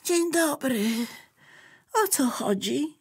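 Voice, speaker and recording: A woman's voice: high-pitched, animated, very slow, voice pushed up, heavily acted. A woman voicing a weary, reluctant male notebook in a children's story. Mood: glum. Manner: sighing and reluctant.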